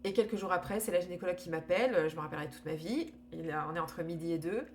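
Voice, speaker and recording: A woman's voice: on the low side, fast, slight background noise. A woman telling her own story in a candid, conversational way, full of fillers and restarts. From France. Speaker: storyteller sharing her cancer experience. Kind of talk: casual personal testimony.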